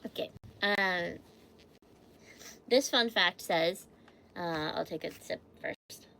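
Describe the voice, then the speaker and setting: Giggly, bright-voiced woman streamer. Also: fairly low pitch, slow, vocal fry, a little hiss or hum. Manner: chatty, giggly, reads facts aloud and replies to chat. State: stuffy from allergies. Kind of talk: casual livestream chat.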